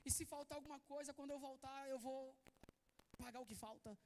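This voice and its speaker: A man preaching with a very high, quick voice, agitated and animated. He keeps throwing questions at his congregation and pushing for replies. He rushes from one point to the next. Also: slight background noise. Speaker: pastor. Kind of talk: sermon.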